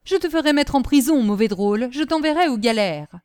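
A woman's voice: sits high, lively intonation, brisk, darkish tone, clean tone. A woman doing a haughty, scolding older lady. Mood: furious. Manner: imperious, scolding.

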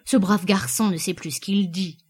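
A woman's voice: mid-range voice, steady tone, normal speed, husky, lightly acted. A woman reading aloud, voicing a stout, motherly older market woman who scolds in a firm, raised voice. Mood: scolding.

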